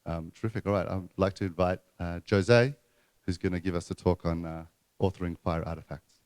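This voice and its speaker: A man hosts a conference and introduces the next speakers. His voice is very low, and he talks loosely with many fillers. The sound is close and dry. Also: fairly even intonation, fairly quick, darkish tone, clean tone, dry recording. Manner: loose, filler-heavy speech. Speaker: event host. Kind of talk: conference hosting and announcements. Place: conference room before an audience.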